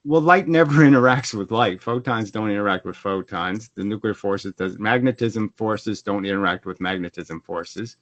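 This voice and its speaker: A man with a fairly low voice explains his ideas over a video call, and the sound is dull and lo-fi. The audio is dry, with almost no room sound. He restarts his sentences often and gets more animated when he is pushed. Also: normal speed, hardly any pauses, dry recording. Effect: heard over a video call. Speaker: guest explaining his physics model. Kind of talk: conversational explaining.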